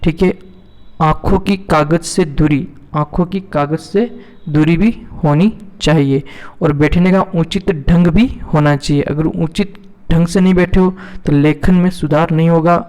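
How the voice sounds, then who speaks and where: In an exam-prep lesson, a male teacher reads multiple-choice questions aloud, says each again, and answers it himself with an explanation. He speaks a little slowly in a fairly high, darkish voice with a steady tone. Hall reverb is audible.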